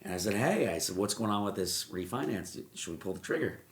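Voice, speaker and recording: A man, a mortgage broker, telling stories in a podcast interview, animated and repeating words as he acts out what people said. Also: deep voice, fast. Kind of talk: storytelling interview chat. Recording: roomy echo.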